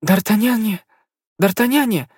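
A man's voice: on the high side, measured pace, breathy edge, no room sound, clean studio sound, pitched above the performer's own voice. A man voicing a loving, frightened young woman who is dying of poison, with a breathless, pleading delivery.

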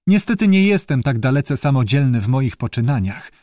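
A man's voice: medium pitch, very animated, moderate pace, mellow, dry recording, studio quality, close to an everyday voice. A man voicing a courteous, bookish male newt who speaks earnestly and formally in an audiobook. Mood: polite, earnest. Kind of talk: audiobook character voice.

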